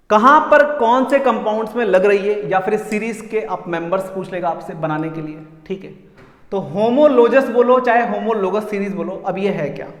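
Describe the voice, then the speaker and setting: A man teaching chemistry to school students, talking them through each step and counting atoms aloud. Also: high-pitched. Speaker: science teacher. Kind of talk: explaining chemistry at a whiteboard. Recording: echoey room, long reverb.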